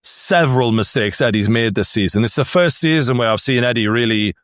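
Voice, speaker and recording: A man's voice: mid-range voice, brisk, fairly bright tone, no room sound, clean studio sound. A man with a Newcastle accent giving blunt, sweary opinions in a casual football discussion as the show's host.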